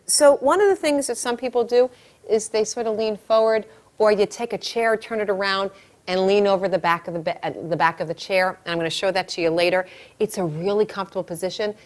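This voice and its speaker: A middle-aged woman, a labor nurse and childbirth educator, teaching a class in a chatty, animated way and telling stories from the delivery room. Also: mid-range voice, a little fast. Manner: animated storytelling, acts out quotes, chatty.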